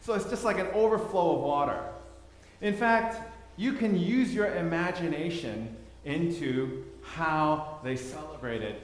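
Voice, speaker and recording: In a church hall full of echo, a Thai man with a fairly high voice preaches a little slowly while showing slides. Repetition of words gives emphasis to the story he tells, and the reverb trails long.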